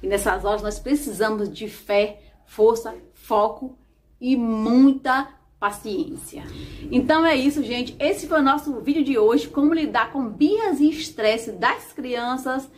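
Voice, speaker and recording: A woman with a Brazilian Portuguese accent, a mother hosting a casual parenting advice vlog in a calm, gentle, advising way. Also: fairly high pitch, a little slow. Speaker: mother and channel host.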